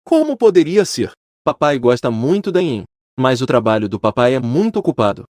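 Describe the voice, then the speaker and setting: Guy doing a sweet soft young mom voice, gentle, sing-songy, storybook reading. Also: mid-range voice, sing-song, a little fast, no room sound, lightly acted. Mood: tender. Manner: soft and tender. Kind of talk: storybook voice acting.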